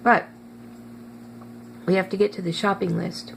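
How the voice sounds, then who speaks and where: Woman cooking vlogger, chatty, halting delivery with fillers, mid-range voice, faint hum behind. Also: medium pitch, little pitch movement, gravelly. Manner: chatty, hesitant with many fillers, tastes food while talking. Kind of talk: casual kitchen vlog.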